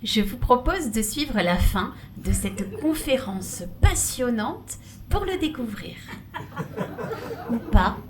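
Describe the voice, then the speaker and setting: A woman's voice: on the high side, big pitch swings, takes it slowly, noisy background. A woman giving a humorous stage talk, playful and theatrical, with laughing asides. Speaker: conference speaker. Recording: echoey hall, mic from far off.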